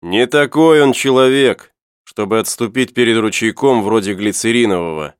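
A man reading the lines of a gruff, skeptical sailor in a storybook, raised and emphatic. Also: fairly low pitch, moderate pace, no echo, studio quality, natural voice. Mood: scoffing.

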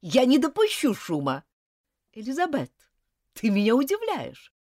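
A woman voicing a strict, quick-tempered female French schoolteacher in an audiobook, scolding loudly and sharply. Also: on the high side, huge pitch swings, no echo, clean studio sound, voice pushed up, exaggerated voice. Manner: sharp scolding, loud and cutting. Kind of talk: audiobook character voice.

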